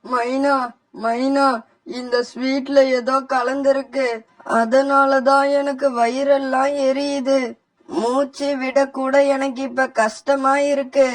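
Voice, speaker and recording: A woman's voice: medium pitch, measured pace, natural voice, poor audio. A woman voicing a kind, trusting young husband bird in a cartoon, with an affectionate, plain-spoken delivery. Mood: in pain. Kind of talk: cartoon voice acting.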